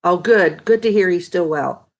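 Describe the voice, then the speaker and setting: Chatting on a live stream from home, this middle-aged woman from Texas reads out viewer comments and says hello to people by name. Her voice sits on the low side, nasal from a stuffed-up, congested nose, and she keeps a moderate pace.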